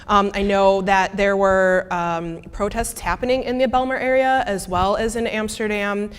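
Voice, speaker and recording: A young woman from the American Midwest, speaking with a Midwestern accent, fields audience questions after her student presentation. Her mid-range voice is clear and resonant, with fairly even intonation and a moderate pace, and her casual answers are full of fillers and restarts. The recording carries the reverberation of the lecture hall.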